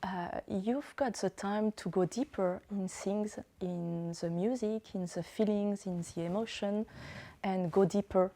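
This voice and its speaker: A woman from France with a French accent, a guitarist, talking slowly and reflectively with many pauses. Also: medium pitch, fairly even intonation, warm tone. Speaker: classical guitarist. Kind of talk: interview monologue.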